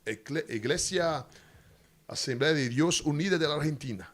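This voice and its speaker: A Brazilian man with a Brazilian Portuguese accent telling a lively missionary testimony, laughing as he tells it and acting out the people in the story. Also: fairly high pitch, moderate pace. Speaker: missionary guest speaker.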